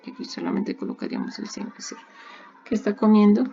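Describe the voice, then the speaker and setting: A woman's voice: medium pitch, sing-song, fast talker, mellow, slight background noise. A woman, an English teacher giving a recorded online grammar lesson, explaining patiently step by step and repeating examples. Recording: dull lo-fi recording.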